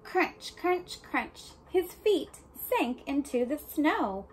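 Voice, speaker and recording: Animated, high-voiced woman reading to children. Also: slow, slight background noise, poor audio. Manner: expressive, questioning the listener, speaking as to small children. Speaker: storybook reader for young children. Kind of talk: read-aloud of a picture book with asides and questions to children.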